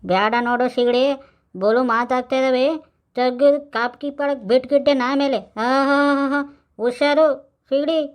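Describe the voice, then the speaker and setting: A woman's voice: high-pitched, fairly even intonation, moderate pace, natural voice. A woman playing a drunken, boastful village man in a comic skit, rambling with slurred speech and broken English. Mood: boastful, threatening.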